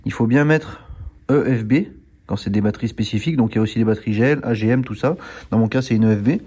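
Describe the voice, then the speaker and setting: A man's voice: fairly low pitch, fast talker, mellow, husky. A man hosting a car channel, giving a hands-on product demonstration in an explanatory way, often hesitating with fillers and restarting words. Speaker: car channel host reviewing a diagnostic tool.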